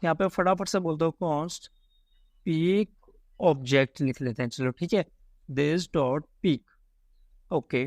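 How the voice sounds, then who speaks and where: A man teaching code in a relaxed, chatty way, thinking aloud as he types and often calling his viewers "guys". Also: a little high, slow pace, long pauses, dry recording. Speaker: coding tutor. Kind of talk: casual screen-recorded coding lesson.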